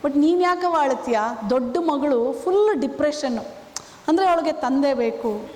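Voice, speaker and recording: High-voiced woman advising women, echoey room. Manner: earnest, advising, asks listeners rhetorical questions. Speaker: women's rights activist. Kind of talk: motivational interview talk. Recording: echoey room with long reverb.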